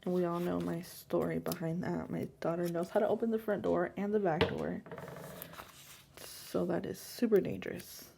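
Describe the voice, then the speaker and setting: A young woman chatting casually while decorating a planner, rambling on and sometimes dropping to a hush. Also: on the low side, little pitch movement, normal speed, vocal fry, a little hiss or hum. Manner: chatty, rambling, soft and hushed at times. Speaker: planner vlogger. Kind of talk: casual chat over plan-with-me crafting. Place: home room.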